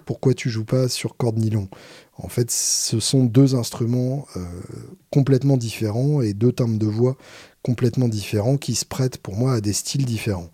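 Dry, mellow-voiced French singer musing. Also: male voice, medium pitch, no room sound. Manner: hesitant, many fillers and restarts, wry self-mocking. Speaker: singer in a band. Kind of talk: casual talk answering viewer questions.

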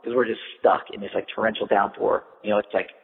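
A man's voice: lowish voice, little pitch movement, quick pace, creaky. A man casually telling a long story, rambling with lots of "like" and "you know". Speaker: storyteller recounting a trip. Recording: tinny phone-like line with long reverb.

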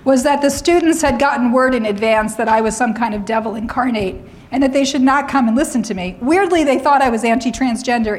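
A middle-aged woman with a somewhat high, slightly hoarse voice lectures on academic freedom. She often clears her throat and drops in wry asides.

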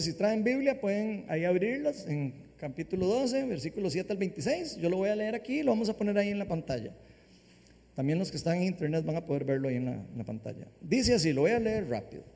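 A man delivers an impassioned sermon in a church hall, his voice set high and leaping between pitches. He lifts whole phrases loudly when reading scripture, then drops low and soft in prayer. A long reverb trails every word. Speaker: preacher.

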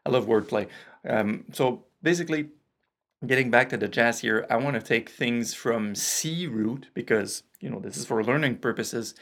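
A man's voice: mid-range voice, vocal fry. A man with a French Canadian accent, hosting a casual jazz guitar podcast lesson, his voice strained from a cold, chatty and explanatory. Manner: chatty, explanatory, with occasional "uh" and restarts.

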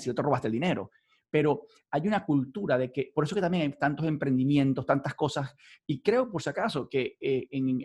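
A man from Venezuela hosting a conversational interview, animated and repeating words as he starts sentences. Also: medium pitch, breathy edge.

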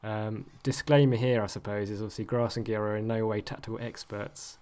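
Low-pitched man, hesitant chatter. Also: fairly even intonation, fairly quick, a little mellow, clear, resonant tone. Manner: hesitant, lots of ums, laughs easily. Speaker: podcast co-host. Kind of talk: casual chat.

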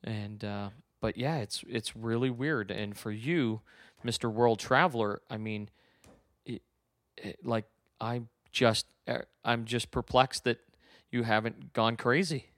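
A man's voice: medium pitch, fairly even intonation, slow, a bit bright, dry recording, clean studio sound. A middle-aged man hosting a casual, friendly chat. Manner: friendly, chatty, informal. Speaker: host, interviewer. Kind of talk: casual conversation.

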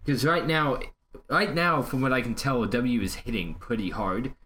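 A man hosts a casual gaming talk show with a joking, bantering manner. His voice sits at an ordinary middle pitch, with a faint noise behind it. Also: moderate pace, a bit bright. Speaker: podcast host.

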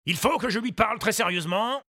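A man's voice: sits high, quick pace, bright, forceful tone, no room sound, studio quality, pitched above the performer's own voice, exaggerated voice. A man doing a stern, businesslike rich father. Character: stern wealthy father, factory owner.

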